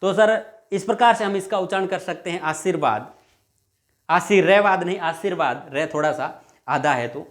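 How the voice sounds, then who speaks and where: Young male tutor, slightly high voice, patient, repetitive teaching style. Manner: explains patiently, repeats words slowly, asks students questions; dictates rules word by word. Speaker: Hindi grammar teacher. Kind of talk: exam-prep lesson.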